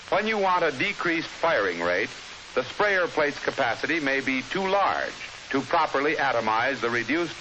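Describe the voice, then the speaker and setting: The poor audio of an old film soundtrack, with its steady hiss, carries an American man reading a scripted 1950s instructional narration. He speaks in a mid-range voice with a formal, measured, explanatory manner.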